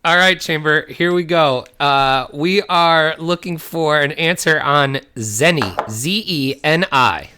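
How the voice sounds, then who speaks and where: A man's voice: fairly high pitch, slow pace, few pauses, pushed and bright, slight background noise. A man hosting a quiz segment on a casual podcast, amused and spelling out words letter by letter. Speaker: podcast co-host running a quiz.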